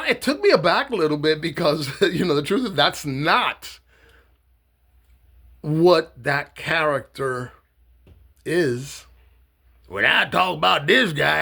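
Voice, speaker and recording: A man from Miami giving a blunt, mocking, swear-heavy political rant to camera, loose and halting with fillers when he explains himself. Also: on the high side, vocal fry, sharp tone, husky. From Miami, Florida. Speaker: political satire vlogger. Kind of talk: profane political rant and monologue.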